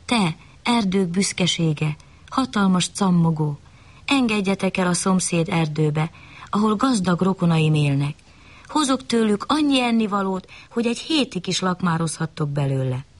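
A woman's voice: mid-range voice, animated, hardly any pauses. A woman voicing a frightened little rabbit in a bedtime story, begging and wailing. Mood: pleading. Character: frightened pleading little bunny.

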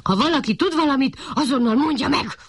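A woman voicing a small, eager, thirsty puppy in a spoken children's story, with a squealing, excitable voice. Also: very high voice, dry recording, voice pushed up. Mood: angry.

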